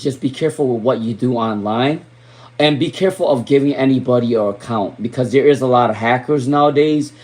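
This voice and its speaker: Streaming live, a young Rhode Island tarot reader with a mid-range voice reads cards for his audience, saying viewers' names back and murmuring quietly while pulling each card.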